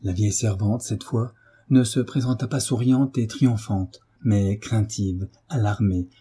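A man reading a classic novel aloud, measured and even. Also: on the low side, husky. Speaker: audiobook reader.

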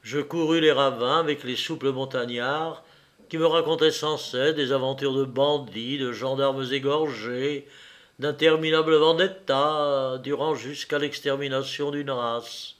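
Slow, measured man reading a story. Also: mid-range voice, steady tone, a bit bright. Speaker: narrator.

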